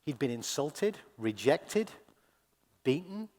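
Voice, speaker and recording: Male pastor, high voice, slow and deliberate sermon delivery, hushed lows to loud cries, long church reverb. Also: sing-song. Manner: dramatic swings from hushed to loud crying out.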